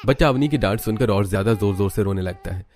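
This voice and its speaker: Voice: low voice, fast. एक कथावाचक एक हिंदी कार्टून कहानी को लिखे हुए अंदाज़ में, सधे सुर में सुनाता है।. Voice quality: even, storytelling. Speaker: narrator. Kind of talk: scripted story narration.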